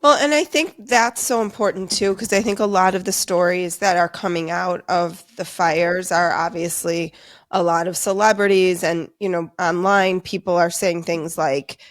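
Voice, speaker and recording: Female podcast host, lowish voice, dry close sound, thoughtful and empathetic. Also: steady tone, moderate pace, no room sound. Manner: empathetic, thoughtful, explains at length. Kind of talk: casual interview conversation.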